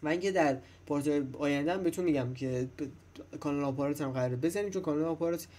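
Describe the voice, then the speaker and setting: A man's voice: fairly high pitch, darkish tone. A young man teaching English vocabulary to schoolchildren in a casual, chatty way, speaking straight to the students and repeating points. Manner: chatty, repeats himself, addresses students directly. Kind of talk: casual classroom-style lesson.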